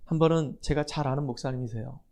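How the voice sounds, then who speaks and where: A man's voice: mid-range voice, steady tone, quick pace, mellow. A middle-aged man preaching a sermon in church, telling stories, acting out dialogue and building to emphatic appeals to the congregation. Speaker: pastor. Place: church sanctuary.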